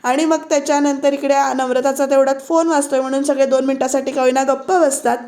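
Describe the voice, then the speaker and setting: High-voiced woman recapping a serial. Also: flat delivery, fast, a little mellow. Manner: chatty, addresses viewers directly. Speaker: TV serial reviewer. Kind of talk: voice-over episode recap.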